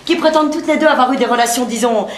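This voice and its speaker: An actress playing a composed, ironic hostess in a live stage farce, measured and cutting. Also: female voice, on the high side, close to an everyday voice. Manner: measured, cutting, drawn-out irony. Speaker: stage actor. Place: theater stage with live audience. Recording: roomy theater with background noise.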